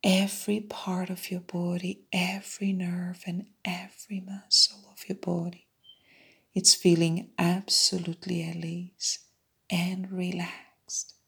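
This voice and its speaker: A woman guiding a hypnosis meditation in a soft unvoiced whisper, repeating soothing suggestions. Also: lowish voice, completely flat delivery, takes it slowly, creaky, breathy edge. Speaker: meditation guide.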